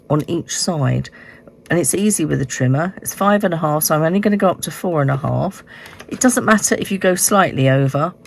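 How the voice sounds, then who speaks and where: A middle-aged woman with a hoarse, croaky frog voice, recovering from illness, explaining a craft step by step in a casual, unhurried way. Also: low voice, slight background noise. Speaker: host of a card-making tutorial. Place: indoors at a craft desk.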